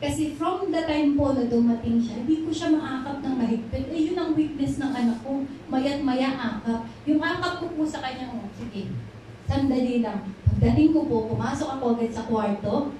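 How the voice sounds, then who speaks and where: A woman's voice: high voice, moderate pace, warm tone, a little hiss or hum. A woman pastor giving an emotional testimony sermon, mixing English into her speech. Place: church hall. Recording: very echoey, from far off.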